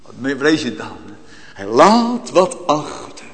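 A man delivers a sermon slowly and deliberately, his voice rising and falling across a wide range. He drops to hushed tones, then bursts out loudly, and a long church reverb trails after every phrase. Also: a little high, big pitch swings. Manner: fervent, swinging from hushed to loud, frequent tag "hè". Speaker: preacher.

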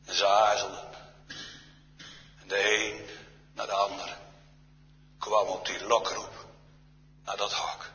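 Low-voiced male preacher with a hard, forceful edge, solemn and given to hushed passages, in a roomy echoing church. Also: flat delivery, slow, pauses often, a little hiss or hum. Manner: solemn, often drops to a near-whisper. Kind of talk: Reformed church sermon. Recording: reverberant church hall, dull sound.

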